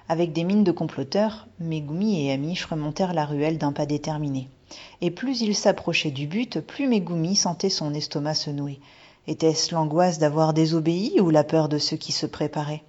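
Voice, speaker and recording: A woman narrates a children's story expressively and drops to a hush in the tense moments. Her voice sits on the low side. The recording sounds dull and lo-fi. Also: slightly rough. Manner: expressive, hushes for suspense. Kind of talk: storybook reading.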